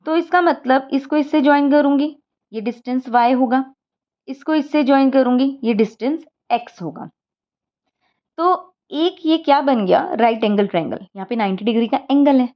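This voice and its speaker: A woman's voice: sits high, normal speed, muffled recording. A woman maths teacher, explaining a lesson step by step and often checking that students follow.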